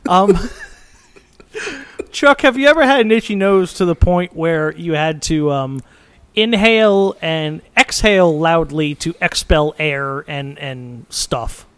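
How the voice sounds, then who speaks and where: A man's voice: a little high, slow, a bit bright, clean tone. A man co-hosting a podcast in casual chat, playful and rambling, laughing often between his points. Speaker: podcast co-host.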